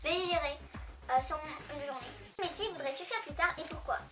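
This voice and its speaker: A woman's voice: sits high, fairly quick, music in the background. A teenage girl chatting casually to camera as a YouTuber answering viewer questions, her voice sped up into a chipmunk sound, upbeat with lots of fillers. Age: teens. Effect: sped-up playback, chipmunk voice.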